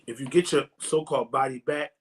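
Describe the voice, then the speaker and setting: Husky and steady at a medium pitch, this podcast host in his forties talks fairly quickly. His casual chat wanders, with repeated words along the way as he builds to what he means.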